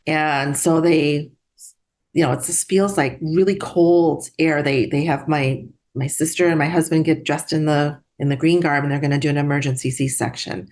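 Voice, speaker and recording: A middle-aged woman, a guest, telling a personal story in an earnest, halting way with restarts. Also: sits low, steady tone, a little mellow.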